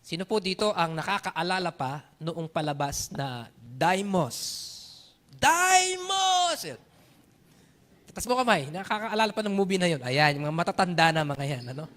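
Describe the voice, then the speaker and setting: A man with a Filipino accent preaching a sermon, animated, telling stories and switching between Tagalog and English. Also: fairly high pitch, moderate pace. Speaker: pastor.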